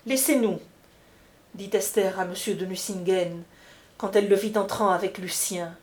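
A woman narrating a classic novel as an audiobook, in a measured, literary manner. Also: mid-range voice, a little mellow.

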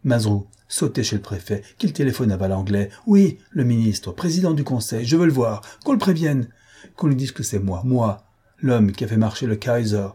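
A man reading aloud and voicing a fierce gentleman adventurer in an audiobook, raised a few notes above a dark, husky voice. He barks urgent commands, all force and impatience. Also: medium pitch, normal speed, natural voice. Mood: commanding. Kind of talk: audiobook character voice.

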